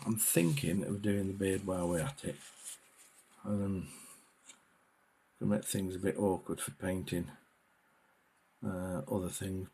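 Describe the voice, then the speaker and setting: A man's voice: low voice, creaky, darkish tone, husky. A man giving a casual miniature painting tutorial, talking hesitantly with many fillers.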